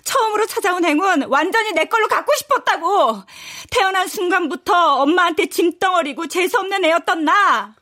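A stubborn woman of 37, high and lively. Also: full character voice. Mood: bitter. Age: 30s. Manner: defiant, quick to shout. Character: unemployed single woman, 37, fiercely stubborn. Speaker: lead character. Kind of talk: television drama acting.

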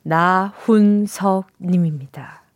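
A woman's voice: on the low side, slow pace, dry recording. A woman hosting a live radio show, reading listener texts in a playful, chatty way from a studio microphone.

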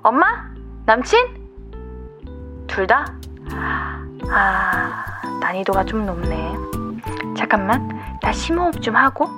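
A young woman radio DJ delivering a scripted, gentle and consoling monologue as if to an upset friend. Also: mid-range voice, big pitch swings, takes it slowly, pauses often, over music.

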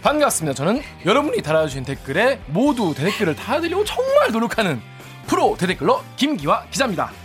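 A man with a hoarse, gravelly voice from a sore throat, bantering and teasing as a co-host in casual studio chat. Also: sits high, wildly swooping pitch, fast, fairly bright tone, soft background music. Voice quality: gravelly, raspy voice. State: hoarse from tonsillitis. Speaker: reporter and co-host.

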